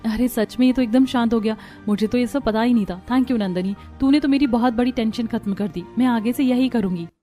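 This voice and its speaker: एक महिला द्वारा निभाई परेशान पड़ोसन रश्मि दीदी. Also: female voice, a little high, brisk, hardly any pauses, mellow, lightly acted. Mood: flustered. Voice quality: flustered, grateful. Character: worried neighbor woman, young mother. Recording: light music behind voice.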